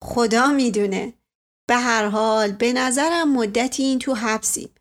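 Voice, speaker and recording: A woman voicing a calm, mysterious middle-aged man. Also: fairly high pitch, close to an everyday voice. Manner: calm, gently reassuring. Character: kindly, mysterious man in his fifties.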